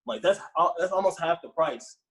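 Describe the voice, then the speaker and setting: A young man talking casually as a podcast guest, relaxed and rambling with lots of filler words. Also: a little high, moderate pace, low-quality recording. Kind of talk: casual chat.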